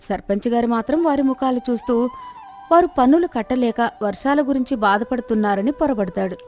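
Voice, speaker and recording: A woman narrating a folk tale in a calm, even storytelling manner. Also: a little high, brisk, faint music behind.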